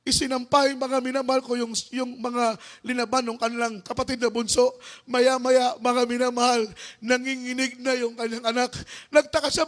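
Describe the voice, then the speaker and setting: Filipino guy preaching, really high voice, flat sing-song drone, music playing faintly under him. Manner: fervent, repetitive refrains, rising to shouts. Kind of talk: sermon.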